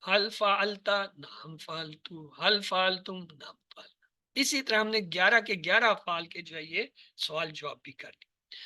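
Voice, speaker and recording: A man teaching a language lesson to an online class over a video call, drilling word forms one by one in steady repetition. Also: high-pitched, dry recording, studio quality. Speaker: Arabic teacher.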